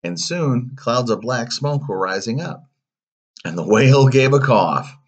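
Animated man reading a storybook. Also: medium pitch, a little slow, breathy edge. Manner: animated, playful asides.

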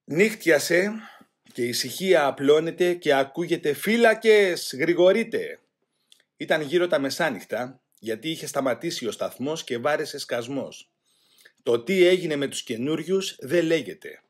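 Husky man reading a grave memoir. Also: a little high, animated. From Greece. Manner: grave, measured, voicing shouted quotes louder. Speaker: audiobook reader. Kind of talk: first-person memoir reading.

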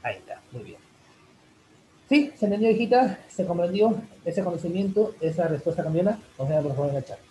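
A man teaching an online English class in Spanish, answering a student's question in a rambling way with many fillers, addressing the students warmly as "chicos". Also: on the high side, very animated, fairly quick, slight background noise, poor audio. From Peru. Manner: rambling, full of fillers like "en este caso" and "chicos".

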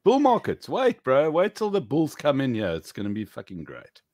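A man in his thirties co-hosting a casual crypto chat on a video call, animated and emphatic, swearing casually. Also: mid-range voice, moderate pace, dry recording, studio quality. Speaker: co-host. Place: home room. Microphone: webcam video call.

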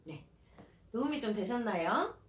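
A woman child counselor giving parenting advice in an animated way, often acting out the questions she would ask a child. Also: on the high side, unhurried. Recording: roomy, distant mic, faint hiss.

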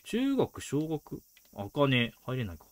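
A man's voice: medium pitch, wildly swooping pitch, unhurried, no room sound. A man giving casual let's play commentary, muttering reactions and quips as he plays. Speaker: game streamer.

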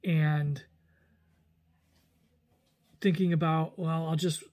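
In a small room at home, a vlogger in his forties talks to camera extremely slowly in a slightly high voice. His casual talking-head vlog rambles along with animated hand gestures and plenty of restarts and self-corrections.

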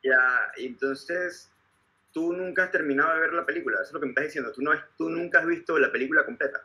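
Measured, hesitant man interviewing. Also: on the high side, pushed and bright. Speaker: interviewer and filmmaker. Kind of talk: calm interview questions.

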